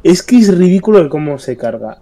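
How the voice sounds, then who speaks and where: A man's voice: fairly high pitch, big pitch swings, brisk, dark tone. A man with a Spanish accent co-hosting a podcast, chatting casually in a blunt, opinionated way and using crude slang. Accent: Spain Spanish. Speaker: podcast co-host. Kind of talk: casual chat.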